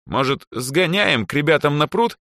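A bubbly teenage drow girl, put on by a man reading a storybook, bouncing high and lively through every line. She teases and pushes in a bright, eager voice. The sound is dry and close. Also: moderate pace, dry recording. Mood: cheerful, teasing.

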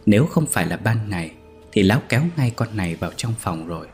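A man reading a ghost story aloud in a steady, measured way. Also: fairly low pitch, soft background music.

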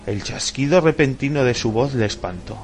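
A low, gravelly male voice narrates a horror audiobook in a measured, suspenseful way. Faint music plays quietly underneath the reading. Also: fairly even intonation. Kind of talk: scripted horror story narration.

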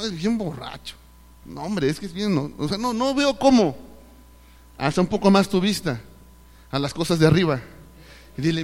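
A man with a Mexican Spanish accent preaching a sermon at a church service, asking rhetorical questions and acting out the voices of the people he quotes. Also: on the high side. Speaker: pastor. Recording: live recording with long hall reverb.

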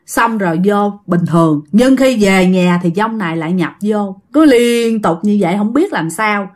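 Lively woman telling a ghost story. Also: medium pitch, normal speed. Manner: lively, chatty, addresses listeners directly. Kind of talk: ghost story told to listeners.

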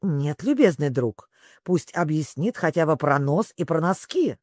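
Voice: medium pitch, big pitch swings, a little slow, darkish tone, no echo, studio quality. Reader doing a gloomy old sea creature. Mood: grumbling. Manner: mournful, grumbling.

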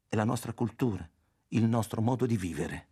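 A male reader voicing a stern young man who speaks quietly and firmly. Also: lowish voice, normal speed, husky. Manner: quiet, firm, dismissive.

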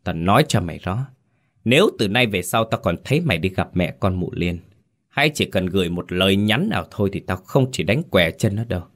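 Man playing a cruel old landlord, deep low voice, cold, slow menace, audio ghost story. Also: lively intonation. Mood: menacing.

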